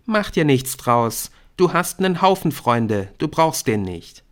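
A man's voice: fairly high pitch, very animated, takes it slowly, voice pushed up. A man voicing a prying, affected teenage schoolgirl in an audiobook. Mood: gossipy. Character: prissy gossiping teenage schoolgirl.

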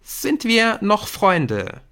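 An anxious, earnest schoolboy, as a male audiobook reader puts him on, pleading and pressing his friend. The voice sits well above the reader's own, lifted high and swinging widely in pitch. It sounds urgent and worried throughout. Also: big pitch swings, unhurried, creaky, fairly bright tone, heavily acted. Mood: worried, insistent. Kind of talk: audiobook character voice.

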